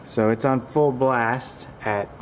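A woman's voice: extremely low pitch, steady tone, takes it slowly. A woman giving a casual, rambling product review with fillers, filmed on a handheld camera inside a large barn with the door open to the wind.

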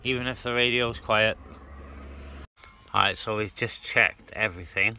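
This man, a CB radio enthusiast, chats casually to a handheld phone or camera held by an operator, out on open, breezy moorland near a car. His lowish voice is steady, unhurried, bright and forceful. The outdoor recording is noisy with vehicle and ambient sound.

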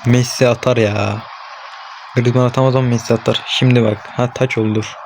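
A young gaming-channel host commentates live on his own football match as he plays it, talking to himself, urging on the players on screen and letting out frustrated outbursts. He sounds worked up and frustrated, his medium-pitched, creaky voice level in tone and a little fast, with noise in the background.

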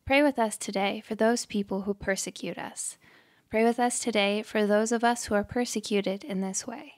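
A woman hosting a prayer podcast, reading scripted prayers in a slow, measured, prayerful way. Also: mid-range voice, steady tone. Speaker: podcast host leading prayer.

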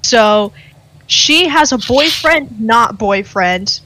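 A young woman with a slightly high voice chats casually on a podcast. She tells rambling stories full of fillers. She teases her co-hosts. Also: lively intonation, slow, sharp tone, low-quality recording. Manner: chatty storyteller, teasing, lots of fillers. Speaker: podcast co-host. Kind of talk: casual chat.

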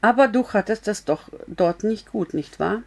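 A woman's voice: medium pitch, lively intonation, normal speed, gravelly, darkish tone. A woman reading a story aloud, voicing a frank, blunt but comforting young woman in an earnest, raised voice.

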